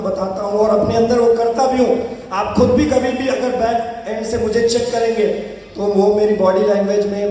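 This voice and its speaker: A hoarse middle-aged man giving a rousing motivational speech at a sales event, calling out to the audience for answers and applause. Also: high voice, a little mellow, a little hiss or hum. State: hoarse from shouting. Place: large event hall. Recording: echoey hall recorded from far off.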